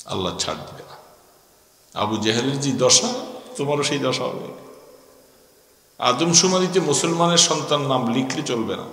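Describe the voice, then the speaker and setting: A man's voice: medium pitch, moderate pace, long pauses, a bit bright, a little hiss or hum. Echoing Bangladeshi male preacher, stern sermon. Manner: admonishing, stern. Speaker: Islamic preacher at a religious gathering. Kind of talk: waz sermon with rhetorical questions to the audience. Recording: echoing PA sound with long reverb.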